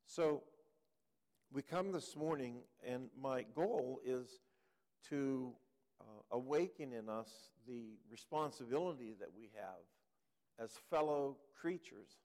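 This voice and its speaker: A man speaking to a church congregation as a guest speaker and author, earnest and unhurried, often pausing with ums. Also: mid-range voice, darkish tone, in a large hall. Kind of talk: sermon. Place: church sanctuary.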